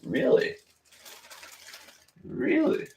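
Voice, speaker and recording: A man in his early twenties hosts a casual solo livestream, reading chat comments aloud and rambling with lots of fillers and frequent laughter. He talks extremely slowly in a slightly mellow voice, with a little hiss or hum on the recording.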